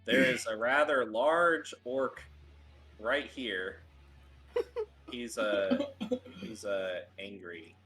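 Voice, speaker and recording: A man's voice: fairly low pitch, very slow, pauses often, pushed and bright, soft background music, low-quality recording. A man running a tabletop game as game master, narrating with frequent laughs and fillers.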